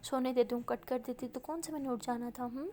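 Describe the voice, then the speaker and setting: A woman's voice: high-pitched, steady tone, fast talker, dark tone, close to an everyday voice. A woman voicing a teasing, easygoing young woman chatting casually on a phone call.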